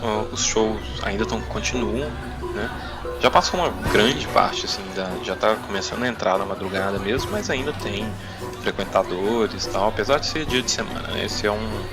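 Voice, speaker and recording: A Brazilian man with a lowish voice speaks at a normal pace as game master and podcast host, narrating a tabletop role-playing game over background music.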